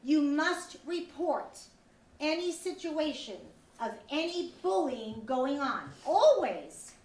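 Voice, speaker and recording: A high-pitched woman delivers an earnest, upbeat lesson to schoolchildren. She quizzes them as she goes and repeats key points. The room echoes and the microphone sits at a distance. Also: very animated, slow, darkish tone. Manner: earnest, upbeat, asks questions and repeats answers. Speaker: teacher leading a school lesson. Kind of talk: interactive school lecture to children. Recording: roomy, distant mic, faint background noise.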